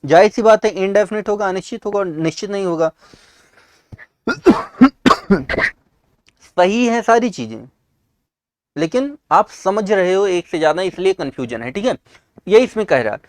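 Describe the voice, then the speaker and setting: A man with a North Indian accent teaching an exam-prep English lesson. He mixes English terms into his explanation, answers his own questions and often clears his throat. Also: sits high, expressive, a little slow, pauses often, no room sound.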